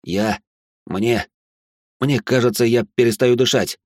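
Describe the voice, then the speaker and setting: A man's voice: mid-range voice, measured pace, no room sound, clean studio sound. A man narrating a first-person audiobook with a sardonic, swearing inner voice.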